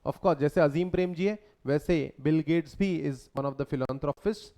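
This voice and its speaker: Slow-spoken male teacher. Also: a little high, dark tone. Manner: conversational, quizzes students with questions. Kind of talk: lecture mixing Hindi and English.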